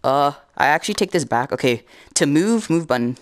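A young man giving casual gaming commentary, excitable and jumpy, yelping when startled. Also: fairly high pitch, a little fast, slight background noise. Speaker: gaming channel host. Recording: commentary over game music.

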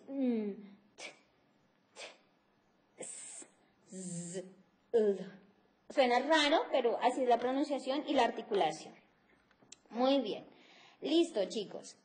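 A woman's voice: high-pitched, darkish tone. A middle-aged woman, teaching an English phonetics class on TV and explaining sounds step by step, mixing in English. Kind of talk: televised class lecture.

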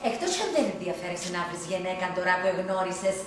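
An actress with a Cypriot accent playing a sharp-tongued grown daughter, sarcastic and dismissive. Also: female voice, lowish voice, expressive, music in the background, lightly acted. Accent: Cypriot Greek. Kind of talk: sitcom acting. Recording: echoey set.

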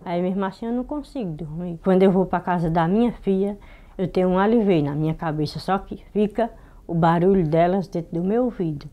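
Slow, weary low-voiced woman. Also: dull audio. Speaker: local resident. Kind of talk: interview testimony.

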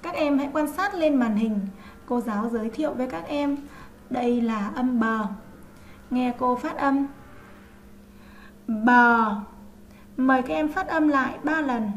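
High-pitched lady teacher going real slow, spelling sounds out for little kids, faint hiss behind. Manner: slow, clear, drawn-out pronunciation of sounds. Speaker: primary school teacher. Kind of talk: online first-grade reading lesson.

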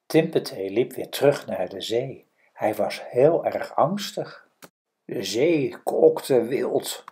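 Calm woman storyteller for a fairy tale, slow and mellow. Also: very deep voice. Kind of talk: reading a fairy tale aloud.

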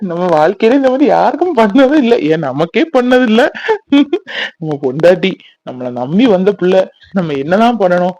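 A man's voice: high voice, very animated, normal speed, darkish tone, no room sound, highs cut off. A man voicing a playful young husband. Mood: scheming. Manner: teasing and playful. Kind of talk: Tamil cartoon voice acting.

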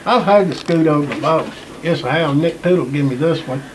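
A man's voice: fairly high pitch, a little fast. A man chatting casually about pipe tobacco, pipe in mouth, folksy and repetitive. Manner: folksy, drawling, repeats himself. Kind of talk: casual vlog chat. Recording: noisy home recording.

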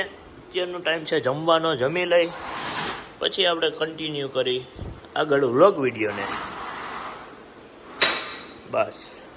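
A male vlogger, chatting casually to viewers on his phone camera as he goes about town. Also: fairly high pitch. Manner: chatty, greets viewers warmly with devotional calls. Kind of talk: casual vlog chat. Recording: noisy street background.

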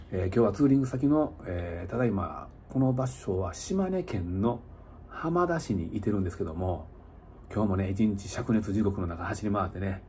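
Slightly tipsy after drinking for an hour, a middle-aged motorcycle touring vlogger with a Kansai accent rambles casually to his viewers as a livestreamer would, full of chuckles and side remarks. His voice is on the low side and darkish, and the small lodging room has noticeable background noise.

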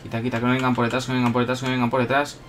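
A young man from Spain with a Spanish accent, giving live gameplay commentary, excitable, bursting into shouts and playful taunts. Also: medium pitch, very fast. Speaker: gaming commentator. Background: electronic background music.

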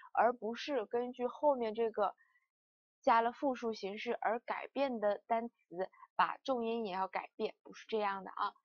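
Female teacher, high voice, patient repeat-after-me drills, dry slightly muffled sound. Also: dry recording. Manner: slow, repeated word drills. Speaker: language teacher. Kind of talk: lesson.

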